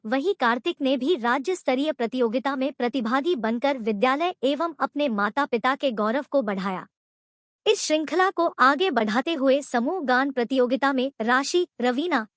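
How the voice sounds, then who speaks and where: Female news narrator, formal scripted read, high voice, dry close sound. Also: fairly bright tone, dry recording. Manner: formal, reading out long lists of names. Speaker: voice-over narrator.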